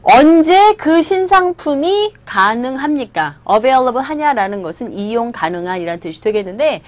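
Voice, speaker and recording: A woman teaching English phrases in a lively lesson, drilling example sentences with playful emphasis. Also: high voice, moderate pace, no room sound.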